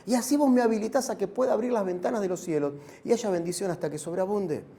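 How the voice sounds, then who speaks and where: A male pastor with a Rioplatense Spanish accent delivers an animated sermon. His voice sits very high and has a gravelly edge. He swells into shouts at times. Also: fast talker. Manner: animated preaching, rising to shouts.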